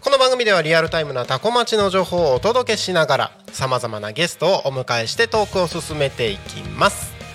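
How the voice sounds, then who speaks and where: A man in his thirties hosting a live community radio show from a small studio, with an upbeat announcer delivery that slips into relaxed, chatty asides. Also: on the high side, brisk, soft background music. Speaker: radio host.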